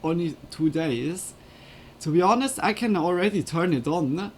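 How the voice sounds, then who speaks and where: A woman's voice: lowish voice, expressive, measured pace, a little mellow, a little hiss or hum. A woman chatting casually and giggling on a live stream, with loose non-native phrasing, into a USB desk microphone.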